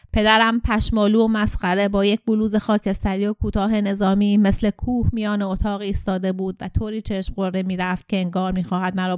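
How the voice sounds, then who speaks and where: A woman narrating an audiobook story in a steady, clear storytelling voice. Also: medium pitch, no room sound, clean studio sound.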